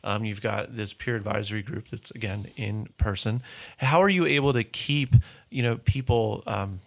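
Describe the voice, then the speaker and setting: A man hosting an interview, who laughs often and fills his pauses with ums while he asks questions. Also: on the low side, vocal fry. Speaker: interview host. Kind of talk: casual interview talk.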